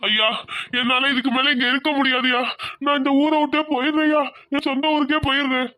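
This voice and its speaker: A man's voice: extremely high pitch, level tone, a little fast, bright, forceful tone. A man voicing a guilt-ridden village servant in a cartoon drama, pleading and apologetic. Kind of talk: Tamil cartoon drama voice acting.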